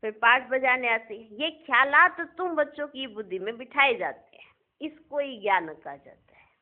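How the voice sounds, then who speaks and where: A woman's voice: sits high, expressive, normal speed. A woman giving a devotional sermon, asking her listeners rhetorical questions and repeating key phrases. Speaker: spiritual discourse reader. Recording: narrow phone-like audio.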